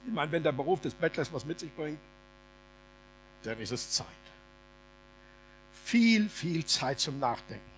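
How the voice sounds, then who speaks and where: A male preacher giving a sermon as a lively, humorous, colloquial story. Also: a little high, a little slow, pauses often, soft background music.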